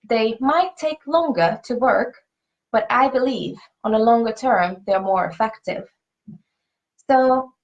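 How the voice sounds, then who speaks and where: Her voice fairly high and the recording muffled, a woman speaking to camera explains the pet supplement business her family runs. She has a Hungarian accent as a native Hungarian speaker, and she talks earnestly and conversationally, often repeating words while she gropes for them.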